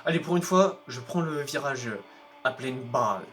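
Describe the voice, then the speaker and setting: A young man commentating a racing game, playful and excitable, teasing rival drivers and yelping when things go wrong. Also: moderate pace. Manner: playful, excitable, talks to rival drivers, bursts of high yelps. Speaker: gaming YouTuber. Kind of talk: let's play commentary. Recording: faint game music behind.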